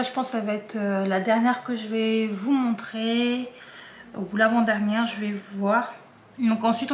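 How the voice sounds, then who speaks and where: A woman with a regional French accent chats to her viewers, her voice sitting a little high. She hesitates often, filling gaps and restarting sentences. The room gives back a clear echo, with a faint noise underneath. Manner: hesitant, many fillers and restarts. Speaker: diamond painting vlogger. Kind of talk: casual chat to viewers.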